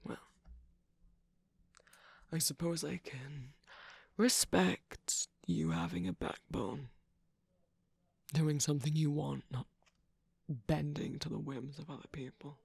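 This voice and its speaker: A sly, manipulative male cookie trickster, voiced for an ASMR roleplay teases and needles in a breathy, gravelly hush. The delivery is slow and unhurried. The voice sits close and dry, with no room around it. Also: mid-range voice, no room sound, heavily acted. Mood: teasing. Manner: teasing, sarcastic, soft whispering with sudden laughs.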